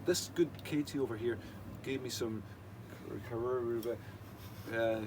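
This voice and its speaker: A man's voice: medium pitch, unhurried, noisy background. A man chatting casually, sounding tipsy, rambling and repeating himself, with some swearing. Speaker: whisky review show host. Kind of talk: casual drunken banter.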